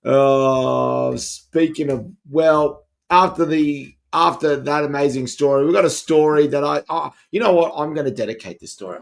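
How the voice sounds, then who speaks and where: A man's voice: medium pitch, creaky. A male podcast host chatting casually and reading news stories aloud, now and then stumbling and correcting himself.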